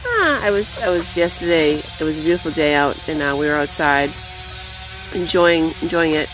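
A chatty young vlogger feeds her chickens in an outdoor run in the backyard, rambling and cooing at them in a high voice. Her expressive, fairly bright voice moves at a normal pace, with faint music behind and poor audio quality.

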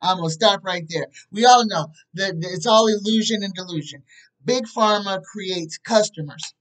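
A woman's voice: medium pitch, normal speed, distant mic, poor audio. A woman in her fifties, a tarot reader, talking casually to her webcam at home and driving points home with repeated checks. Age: 50s. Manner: emphatic, repeats points with "okay?". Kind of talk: casual talk to camera. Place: small room at home, indoors. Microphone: webcam at desk distance.

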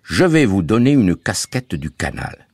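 A man voicing Bouzig, a cheeky, breezy male canal keeper who talks in loud, coaxing exclamations. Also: low-pitched, big pitch swings, measured pace, gravelly, breathy edge, no echo, pitched above the performer's own voice, full character voice. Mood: eager.

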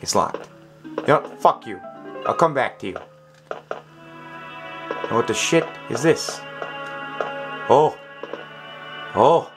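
A man's voice: medium pitch, lively intonation, slow pace, pauses often, over music. A man commentating his own gameplay, frustrated, swearing often and talking to himself as he works through puzzles. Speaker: gaming channel host. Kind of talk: let's play commentary.

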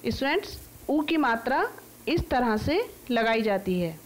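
An Indian woman teaching an online class for small children, sounding out words one syllable at a time in a slow phonics drill. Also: fairly high pitch, animated.

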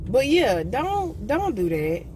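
Parked in her car at night, a young woman vlogger and entrepreneur rants bluntly and profanely to her viewers in an animated way. Her voice sits high and she speaks slowly. A phone camera on the dashboard picks her up, with clear car-interior noise.

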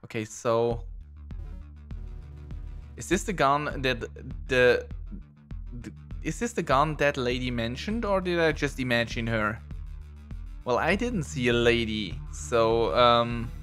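A man talks through a blind playthrough in a slow, rambling way, reading game text aloud and poking fun at himself. His pitch sits in a middle range. Quiet game music runs underneath. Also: expressive. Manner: rambling, self-deprecating, reads on-screen text aloud. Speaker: let's play gamer. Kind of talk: casual gameplay commentary.

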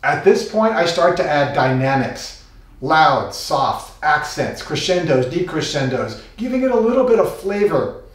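A man's voice: fairly high pitch, sing-song, unhurried. A man teaching a taiko solo, thinking aloud and vocalizing drum rhythms as he works. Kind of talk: instructional talk. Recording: very echoey room, mic far off.

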